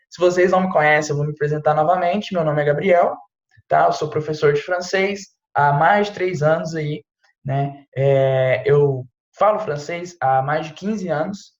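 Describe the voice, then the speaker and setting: A man's voice: on the high side, roomy sound, dull audio. A man, teaching an informal online French lesson in a chatty way, often checking in with "tá?" and "né?". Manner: chatty, peppers speech with "tá?" and "né?". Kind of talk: casual online language lesson.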